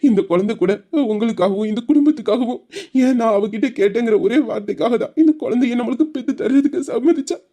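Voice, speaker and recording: A man's voice: very high-pitched, fast, warm tone, lo-fi sound. An actor playing a grieving brother who pleads emotionally for his sister's husband to show her love. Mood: pleading.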